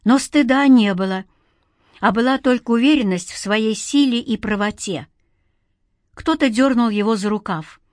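A woman reading a novel aloud in measured, expressive audiobook narration. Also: on the high side, no echo, studio quality.

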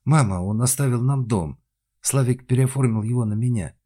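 A man voicing a naive, childlike young woman, raising his voice higher and louder. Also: moderate pace, husky. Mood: excited. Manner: pleading, high and raised.

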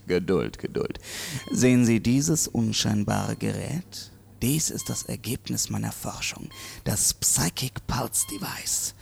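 An actor playing a menacing, sardonically polite mad scientist professor in a German audio drama, with hammy, stagy theatrical delivery. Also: male voice, mid-range voice, huge pitch swings, slow pace, vocal fry, darkish tone, exaggerated voice. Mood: smugly menacing.

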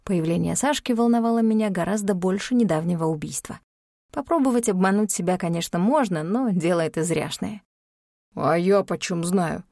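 A woman's voice: mid-range voice, expressive, fairly quick, dark tone, no room sound. Woman narrating an audiobook, dry. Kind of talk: first-person audiobook narration.

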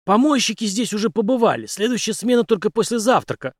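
A man reading an audiobook, voicing a confident ex-captain with a wry, brisk manner. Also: high-pitched, very animated, no echo, studio quality, pitched above the performer's own voice.

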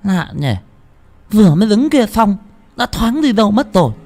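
A man voicing a spiteful, foul-mouthed young servant girl in a ghost story, with a shrill, snarling delivery. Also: big pitch swings, moderate pace, a little mellow, soft background music. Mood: puzzled.

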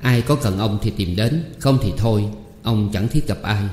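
A man narrating a storybook in a steady, measured reading. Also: fairly low pitch, slight background noise. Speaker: audiobook narrator. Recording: echoey room, long reverb, soft music.

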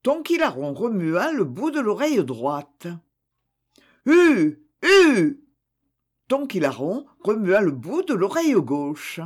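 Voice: medium pitch, husky. Narrateur de conte pour enfants, débit lent, intonation très vivante. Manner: slow, expressive storytelling. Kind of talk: scripted narration of a children's story.

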